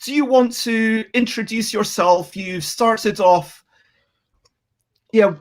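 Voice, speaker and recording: A woman's voice: on the high side, slow. A woman hosting a casual live-stream chat, greeting viewers and welcoming her guest. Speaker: host.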